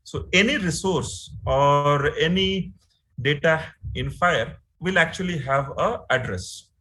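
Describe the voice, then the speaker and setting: A man's voice: fairly high pitch, takes it slowly, sharp tone, poor audio. A man with an Indian English accent giving an online training lecture, explaining step by step with many fillers and frequent "right?" checks. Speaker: instructor.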